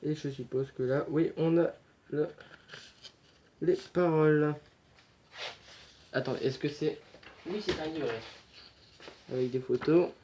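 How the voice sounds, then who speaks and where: A young man narrates an unboxing in easy, chatty commentary, often correcting himself and muttering as he cuts open packaging. His voice sits a little high but sounds soft and mellow rather than bright. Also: slow, long pauses, a little hiss or hum. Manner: chatty, self-correcting, mutters while handling items. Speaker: unboxing vlogger.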